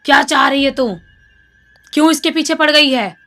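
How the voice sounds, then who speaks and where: A stern old tantrik holy man barks commands in a loud, forceful voice, as a woman storyteller puts him on. His lines stay in her fairly high register, with faint music behind. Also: steady tone, normal speed, lightly acted. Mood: commanding.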